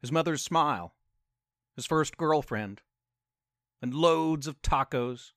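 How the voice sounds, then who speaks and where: A man narrating a space adventure story with an animated, playful manner and asides to the listener. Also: on the high side, slow, no room sound, studio quality.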